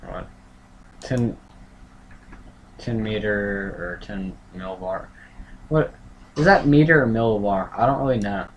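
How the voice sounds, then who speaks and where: A man hosting a casual livestream, rambling and thinking aloud in a halting, self-correcting way. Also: on the low side. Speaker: livestream host tracking a tropical storm. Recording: clear background noise, room ambience.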